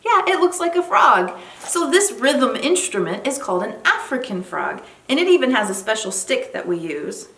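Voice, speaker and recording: A woman's voice: on the high side, sing-song, moderate pace, hardly any pauses, fairly bright tone. A woman leading an interactive lesson for young children in an encouraging, sing-song kindergarten teacher voice. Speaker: children's library program presenter. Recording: roomy echo, faint background noise.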